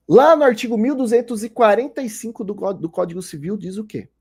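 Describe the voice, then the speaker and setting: A man's voice: high-pitched, mellow, husky. A man with a Brazilian Portuguese accent giving a recorded online law lecture, explaining step by step and checking in with rhetorical questions. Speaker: law lecturer, former notary clerk.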